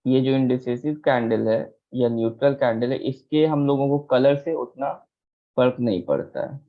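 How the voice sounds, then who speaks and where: A man's voice: mid-range voice, moderate pace. A man teaching a chart lesson, patient, repeating key terms and asking if anyone is confused. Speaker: trading teacher. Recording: tinny phone-like audio.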